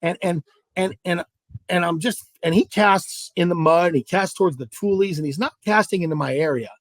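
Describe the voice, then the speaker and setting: A man from Southern California, a guest angler, telling a fishing story in an animated way, with many restarts and asides. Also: high voice, fairly quick, dry recording, studio quality.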